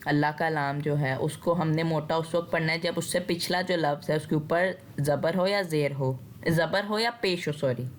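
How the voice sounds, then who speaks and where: Slow, low-voiced Urdu-accented woman teacher. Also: a little hiss or hum. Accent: Pakistani Urdu. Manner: patient, explains pronunciation rules step by step. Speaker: Quran recitation teacher. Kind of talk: tajweed lesson with recitation.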